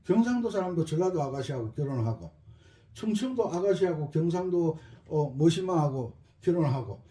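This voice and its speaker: Middle-aged guy teaching accordion, high voice that swings all over, echoey room. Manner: lively, repeats key phrases, jokes with students. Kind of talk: spoken music lesson.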